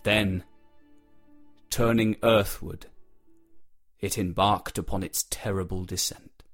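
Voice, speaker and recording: A man reading a dramatic storybook prologue aloud in a slow, measured way. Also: sits low, steady tone, soft background music. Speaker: audiobook reader. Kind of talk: storybook narration.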